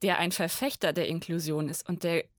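A woman's voice: on the low side, steady tone, a little fast, dry recording, clean studio sound. A woman with a German accent, a political reporter explaining her research in a thoughtful podcast conversation, often restarting her phrases.

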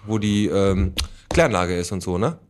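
Low-voiced joking host. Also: male voice, expressive, a little mellow. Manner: joking, loose, asks many quick questions. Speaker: podcast host. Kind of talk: casual chat.

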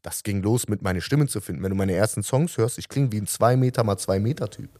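Earnest low-voiced man, dry close sound. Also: brisk, darkish tone, no echo. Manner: reflective, earnest, restarts often. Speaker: musician guest. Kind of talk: casual interview talk.

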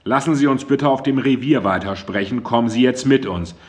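A man voicing a calm, polite police officer in an audiobook. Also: medium pitch, fairly quick, voice pushed up, lightly acted. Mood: firm. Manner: polite, firm. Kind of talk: audiobook character voice.

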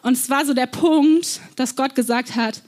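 A young woman preaches with a fairly high voice, earnest and personal. She tells stories from her own life and often stops on small fillers as she speaks. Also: moderate pace, darkish tone. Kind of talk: sermon.

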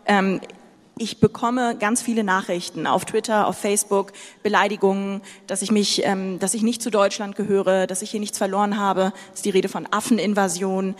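A woman from Sudan speaks on a panel. She talks in a thoughtful, measured way with small fillers. The sound has long hall reverb. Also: medium pitch, flat delivery. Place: conference hall with audience.

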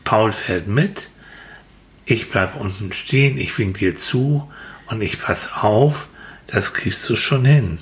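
A man softly telling a slow, soothing guided relaxation story to a listener. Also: fairly low pitch, animated. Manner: soft, soothing, drawn-out.

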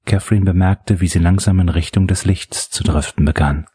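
A man voicing a dazed young woman who pleads faintly, only slightly raising his own low voice. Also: fairly even intonation, moderate pace, dark tone, breathy edge, dry recording, studio quality. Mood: pleading.

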